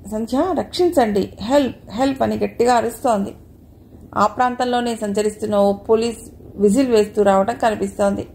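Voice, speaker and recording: Calm, mellow woman reading a novel. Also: mid-range voice. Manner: calm, steady storytelling. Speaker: audiobook reader. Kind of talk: scripted audiobook narration.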